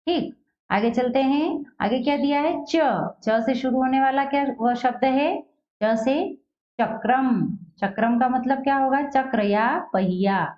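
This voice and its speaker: A woman teaching a children's class, asking questions and answering them herself, saying each word slowly and repeating it. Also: sits high, a little mellow, muffled recording.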